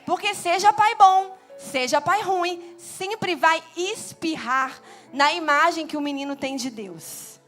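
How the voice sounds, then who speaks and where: High-voiced Brazilian woman preaching. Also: slow pace, soft background music. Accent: Brazilian Portuguese. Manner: animated, acts out little quoted voices. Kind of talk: sermon. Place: church sanctuary.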